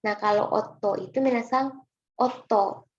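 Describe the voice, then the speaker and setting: A woman's voice: a little high, steady tone, a little slow. A woman with an Indonesian accent teaching Japanese kanji in a recorded online lesson, patient and chatty, often calling her students "minasan". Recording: roomy, dull lo-fi recording with faint noise.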